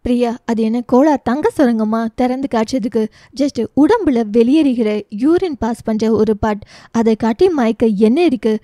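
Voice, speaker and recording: A brash, sharp-tongued young woman teases and boasts, as a narrator puts her on. Her voice sits a little high, with a very mellow tone. It is a storybook reading, recorded dry and close. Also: normal speed, no room sound, close to an everyday voice. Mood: mocking. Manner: teasing, boastful banter.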